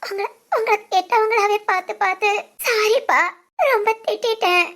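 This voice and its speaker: A sharp-tongued young daughter in a homemade doll-film drama, voiced by a woman. The voice sits extremely high and piercing. She scolds and pleads in a piping tone. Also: fast talker. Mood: tearful. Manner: scolding then tearful.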